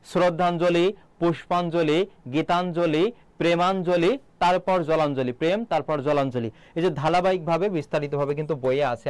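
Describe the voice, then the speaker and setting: Man teacher with a Bangladeshi Bengali accent, fairly high and smooth, drills students with questions. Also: darkish tone, no room sound. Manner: quizzing students with questions and repeating answers. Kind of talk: live online exam-prep class.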